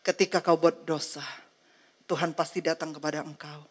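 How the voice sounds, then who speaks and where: A woman's voice: sits low, level tone, moderate pace, slightly rough. A woman pastor preaching a sermon dramatically, acting out dialogues and calling on the congregation to say amen.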